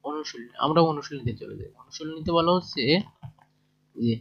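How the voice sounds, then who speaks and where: A man with a Bangladeshi Bengali accent talks through a textbook lesson, pausing to ask his listeners whether they follow. His voice sits a little high. The recording sounds dull and lo-fi. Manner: plain explanatory talk with fillers and checking questions. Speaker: teacher.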